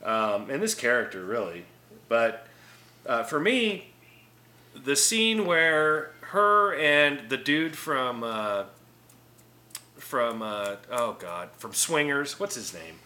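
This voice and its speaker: A man's voice: medium pitch, sing-song, slow pace, bright, forceful tone. A man co-hosting a podcast in casual chat, rambling with many restarts and fillers and laughing often. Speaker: podcast co-host.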